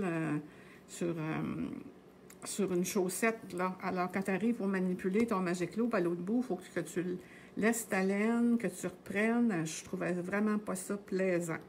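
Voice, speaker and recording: A woman's voice: mid-range voice, a little mellow, a little hiss or hum. A middle-aged woman with a Québécois French accent, casually teaching knitting on a live stream. She talks in a chatty, meandering way, full of hesitations and tag words.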